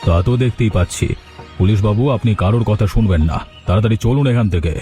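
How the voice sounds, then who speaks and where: A man's voice: fairly low pitch, fast, warm tone, soft background music, lightly acted. A man voicing a scheming village informer who talks in an urgent, accusing way.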